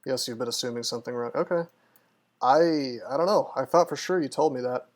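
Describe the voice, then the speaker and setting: A man's voice: mid-range voice, fairly quick. Casual, musing male game streamer. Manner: casual, musing, lots of ums and restarts. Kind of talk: live-stream gameplay commentary.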